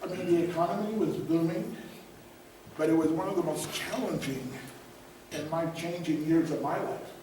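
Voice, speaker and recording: A man's voice: a little high, normal speed, dark tone. Man, middle-aged, motivational speaker, chatty and humorous, questions to the crowd, very echoey room, faint background noise. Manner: conversational and humorous, asks the audience questions. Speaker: guest speaker, business coach. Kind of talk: motivational storytelling talk. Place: event room before a live audience. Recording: roomy echo, distant mic, faint noise.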